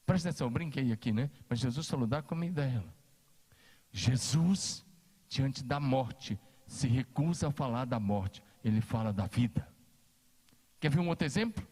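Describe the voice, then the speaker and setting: A man's voice: medium pitch, expressive, moderate pace, dark tone, husky, long reverb tail. A Brazilian man preaching a sermon as pastor, emphatic and repeating his key phrases. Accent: Brazilian Portuguese. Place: church hall.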